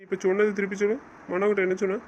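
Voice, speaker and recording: A man's voice: sits high, monotone, rapid-fire, a little hiss or hum, rough recording. A man playing a stern husband in an audio drama, scolding and giving orders. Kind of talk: casual audio drama acting.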